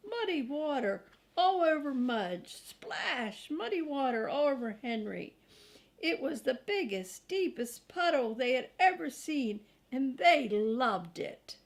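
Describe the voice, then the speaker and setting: An older woman with a high-pitched voice reads a children's storybook at a slow pace. Her grandmotherly delivery is expressive, stretching out key words and slipping in chatty asides for the young listeners.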